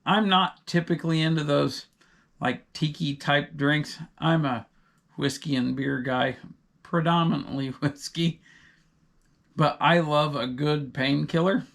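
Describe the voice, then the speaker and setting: A man's voice: a little high, steady tone, a little slow, gravelly, a bit bright. A middle-aged man, co-hosting a podcast in casual chat and wandering off into long, digressive stories. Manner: rambling, digressive storyteller. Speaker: podcast co-host.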